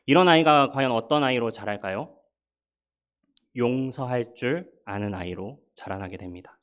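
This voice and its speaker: Low-voiced male pastor preaching. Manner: conversational, humorous, warmly persuasive. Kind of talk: sermon.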